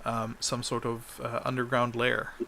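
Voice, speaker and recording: A man running a tabletop game as game master, recapping the last session in a halting way, full of ums and uhs. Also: mid-range voice, completely flat delivery, vocal fry, bright, forceful tone, a little hiss or hum.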